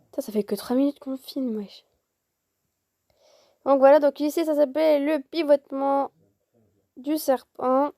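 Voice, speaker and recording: High-voiced woman joking through gameplay. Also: fairly even intonation, measured pace, long pauses, warm tone, dry recording. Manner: swears freely, mock-formal narration. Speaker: gameplay video host. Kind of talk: casual gameplay commentary.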